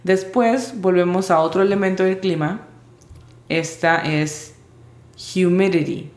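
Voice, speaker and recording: A woman teaching English vocabulary in Spanish, spelling out each word's sounds slowly and carefully. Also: on the low side, steady tone, darkish tone, roomy sound. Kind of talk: vocabulary lesson.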